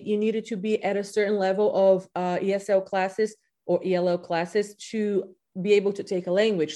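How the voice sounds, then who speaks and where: Her voice mellow and mid-range, a woman in her thirties chats as a podcast guest in a casual interview about teaching. Born in Brazil with Portuguese as her mother tongue, she peppers her talk with "you know."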